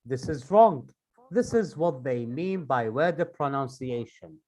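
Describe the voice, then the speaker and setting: English, slow, lively rising and falling pitch, emphatic, repeats points, online class. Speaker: IELTS speaking teacher.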